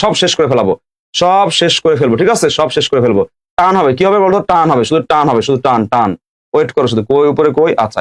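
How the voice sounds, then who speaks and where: A young man teaching a live online grammar class, repeating each question and answer as he quizzes students. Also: a little high.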